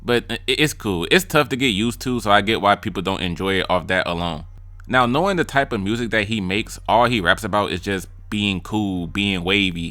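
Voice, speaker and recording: Ranking freestyles in casual YouTube commentary, a young music reviewer is blunt and jokey, now and then mimicking what the rappers said. His pitch is fairly low and his tone sharp, and there's no echo.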